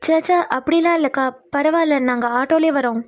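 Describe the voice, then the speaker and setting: A woman's voice: sits high, a little fast, dry recording, clean studio sound, close to an everyday voice. A woman voicing a shy young woman in a Tamil cartoon who politely turns down invitations. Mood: hesitant. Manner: polite, hesitant refusals.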